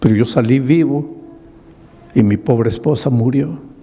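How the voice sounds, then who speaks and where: A man's voice: mid-range voice, a little slow, mellow, breathy edge, big-room sound. A man voicing a grieving homeless drunkard who confesses his past in a pleading voice. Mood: sorrowful. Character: grieving homeless adult male drunkard, remorseful.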